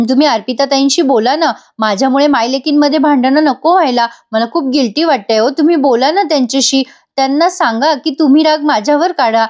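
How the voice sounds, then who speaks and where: A woman's voice: high-pitched, brisk, hardly any pauses, darkish tone, muffled recording, close to an everyday voice. A woman playing a meek pleading young wife. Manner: pleading, apologetic.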